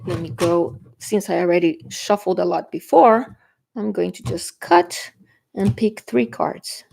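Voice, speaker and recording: This tarot reader is a woman from Brazil whose native language is Portuguese, and she speaks with a Brazilian Portuguese accent. Her voice is fairly low and dark, with vocal fry and a breathy edge, at a measured pace, as she chats to camera and frequently checks in with her viewers.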